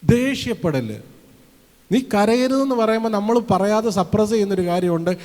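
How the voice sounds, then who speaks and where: A man from Kerala preaches in a fairly high voice, lively and full of questions thrown out to the congregation. He acts out the voices he quotes as he goes. The sound rings with a long reverb from a church hall. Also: normal speed. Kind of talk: sermon.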